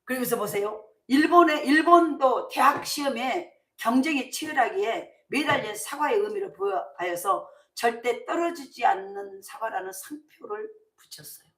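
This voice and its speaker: A middle-aged woman pastor preaching a sermon, telling stories in a colloquial, animated way with emphatic bursts. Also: on the high side, normal speed, hardly any pauses. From South Korea. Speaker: senior pastor. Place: church sanctuary. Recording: echoey church sanctuary.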